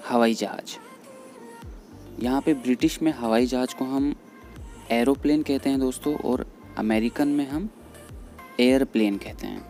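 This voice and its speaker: A man explaining English vocabulary in Hindi, patiently repeating each word slowly. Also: mid-range voice, mellow. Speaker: English teacher. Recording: faint background music under voice. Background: faint background music.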